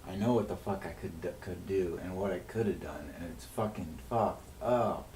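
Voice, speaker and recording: Man streaming alone, venting on mic, lots of swearing and restarts. Fairly low voice, heard from a few feet back. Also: moderate pace, darkish tone. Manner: agitated, swears heavily, rants with frequent restarts. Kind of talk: unscripted venting monologue on a livestream. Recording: echoey room, mic at a distance, faint noise.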